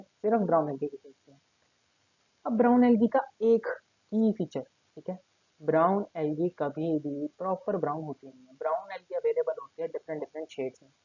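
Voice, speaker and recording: A man's voice: a little high, breathy edge, no echo. A male teacher giving a recorded class lecture while seated at his table, explaining step by step and checking in with his students after almost every point. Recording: tinny phone-like lo-fi audio.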